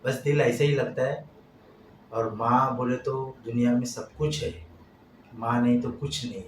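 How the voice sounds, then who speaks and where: A middle-aged man tells a personal story in a halting, heartfelt way, his voice swelling and dropping. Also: medium pitch, steady tone. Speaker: vlogger. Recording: echoey, distant, noisy room.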